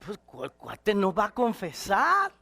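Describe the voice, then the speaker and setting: Man preaching with shouted peaks. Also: high voice, huge pitch swings, takes it slowly. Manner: swings from shouted to quiet and intimate. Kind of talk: sermon.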